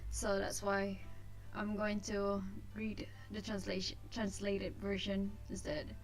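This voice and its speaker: A woman's voice: medium pitch, completely flat delivery, slow, soft background music. A woman hosting a let's play of a visual novel, chatting casually in a hesitant, self-conscious way. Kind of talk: casual let's play chat with read-aloud narration.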